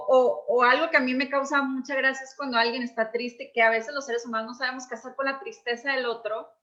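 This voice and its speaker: A woman coach explaining emotions in an expressive, conversational way, acting out little dialogues. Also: high voice, highs cut off.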